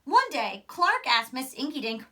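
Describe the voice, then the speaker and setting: A young woman primary school teacher reads aloud to children in a small indoor classroom, expressive and animated, with chatty asides. Her voice is high, pushed and bright, with big pitch swings and a slightly slow pace, over slight background noise.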